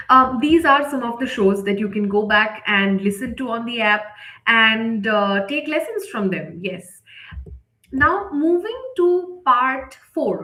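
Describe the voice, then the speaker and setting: Bright and forceful, with fairly high pitch, a woman explains an instructional live session one step at a time. The sound is echoey and roomy, and her conversational delivery is peppered with tag questions like "right?" and "okay?".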